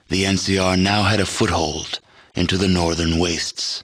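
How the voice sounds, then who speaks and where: With a deep voice, a male actor takes the role of a solemn, world-weary narrator for a post-apocalyptic video game, speaking in a measured, grave, deadpan manner.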